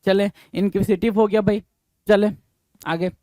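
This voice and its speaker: A male teacher leading an exam-prep vocabulary lesson. He reads English definitions slowly, explains them in quick Hindi, spells each word letter by letter and repeats the answers. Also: high-pitched, steady tone, mellow, dry recording. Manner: spells words letter by letter, repeats answers, calls students bhai.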